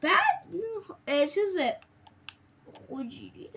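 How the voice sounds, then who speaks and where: A woman gaming streamer in casual let's-play commentary, excitable and jokey, often crying out, laughing and dropping into hushed whispers. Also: extremely high pitch, a little hiss or hum.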